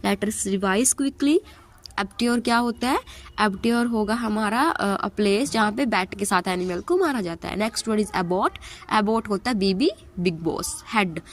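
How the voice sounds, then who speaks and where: A woman's voice: medium pitch, measured pace. A young woman teaching English vocabulary for exams, mixing Hindi and English and asking questions as she explains. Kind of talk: exam-prep vocabulary lesson.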